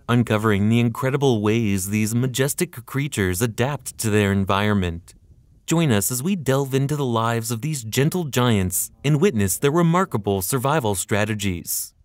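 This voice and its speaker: A man's voice: lowish voice, no echo. Man narrating a nature documentary, dry sound.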